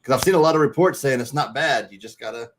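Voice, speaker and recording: A man's voice: mid-range voice, fast. A man hosting a fishing show, chatting casually and encouraging his guests. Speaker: host. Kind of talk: casual chat.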